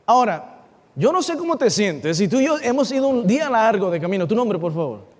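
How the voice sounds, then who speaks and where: High-voiced preacher in a reverberant hall. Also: male voice, fairly quick. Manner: animated storytelling, acting out dialogue and addressing listeners directly. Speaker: pastor. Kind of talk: sermon.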